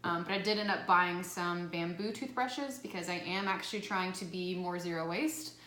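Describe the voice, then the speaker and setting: A woman's voice: lowish voice, normal speed, sharp tone. A woman with a Southern US accent hosting a casual food vlog, chatting with lots of fillers. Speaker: vlog host. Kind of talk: casual chat. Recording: echoey room, faint noise.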